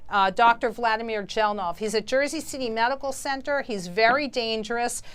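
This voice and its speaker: A woman's voice: fairly high pitch, a little fast, fairly bright tone, smooth. A woman hosting a call-in talk show, speaking emphatically and insistently and repeating her points.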